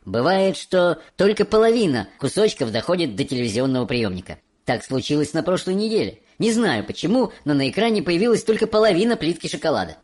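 A man voicing an eccentric, brisk, cheerful bearded candy maker with a theatrical, bouncy delivery. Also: a little high, sing-song, darkish tone, voice pushed up. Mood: explaining.

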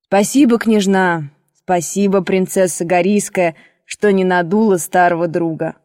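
Woman lowering her voice for a kindly old man. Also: a little mellow, dry recording, studio quality, lightly acted. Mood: tender. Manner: slow, fond and teasing. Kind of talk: audiobook character reading.

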